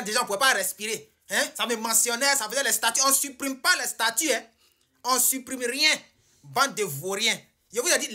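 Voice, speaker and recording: A woman's voice: fairly high pitch, bright, forceful tone. A woman fan of a rival club taunting and scolding opposing supporters.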